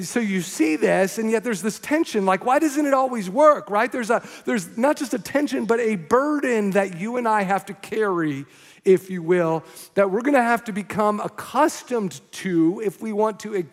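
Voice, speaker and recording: A man preaching from a church stage, telling his story in an animated, rambling way and restarting his sentences often. His voice sits high for a man. The sound carries a long hall reverb. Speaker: pastor. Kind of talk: sermon.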